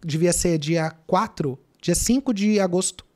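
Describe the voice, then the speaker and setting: A man's voice: sits high, measured pace. A man, a guest telling his faith testimony with dramatic retellings of his prayers and cries. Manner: dramatic, reenacts his own shouting and prayers.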